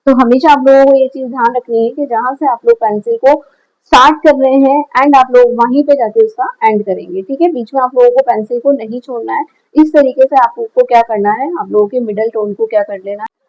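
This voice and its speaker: A woman's voice: on the high side, brisk, a little mellow, poor audio. A woman teaching a shading lesson step by step, patiently asking the class questions and answering them herself. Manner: frequent checks like "clear?". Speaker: drawing teacher.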